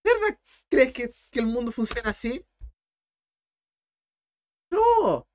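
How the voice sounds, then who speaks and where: A man's voice: extremely high pitch, very animated. A young man in his twenties with a Chilean accent, a math tutor talking bluntly and passionately to his livestream chat. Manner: blunt, impassioned, talks fast.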